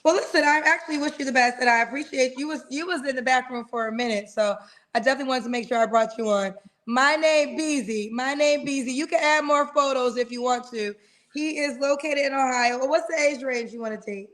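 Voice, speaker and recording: A woman's voice: sits high, a bit bright. A woman hosting a live dating show, chatting with callers and calling them sweetheart. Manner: drawn-out spelling, affectionate. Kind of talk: live-stream matchmaking chat.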